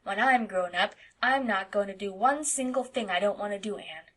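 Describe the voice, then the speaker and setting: Speaking at normal speed with a husky voice, a woman voices an impish farm boy of eight who says things flatly and keeps pressing. The mood is defiant and chattering, and the delivery is high, loud and insistently childlike.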